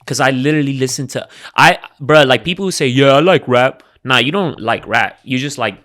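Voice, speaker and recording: Young guy on a podcast going on about rap, slangy and loose, kinda lively. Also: medium pitch, a little fast. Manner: animated, slangy, breaks into imitating rappers. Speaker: podcast co-host. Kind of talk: casual chat about music.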